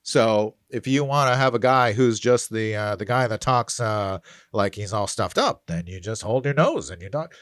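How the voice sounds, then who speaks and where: A man's voice: lowish voice, expressive, normal speed, fairly bright tone, no echo, clean studio sound. A man who works as a voice actor, chatting animatedly and laughing often while giving tips. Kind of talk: casual chat.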